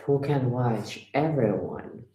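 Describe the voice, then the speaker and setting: Slow-talking woman in an echoey room. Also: very deep voice, dark tone, slight background noise. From Ecuador. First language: Spanish. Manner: anecdotal, acts out dialogue, chatty asides. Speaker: tarot reader and live streamer. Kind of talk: casual livestream chat.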